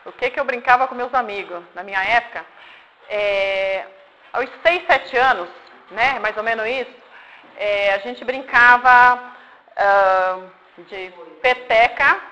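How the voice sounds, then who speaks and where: Her voice is on the high side and sharp, and she speaks slowly; the audio is lo-fi. She is in her forties, from Paraná, Brazil, recounting her life to a group of children in a friendly, simple way. Questions come from the audience, and she regularly checks comprehension with "tá?" and "né?".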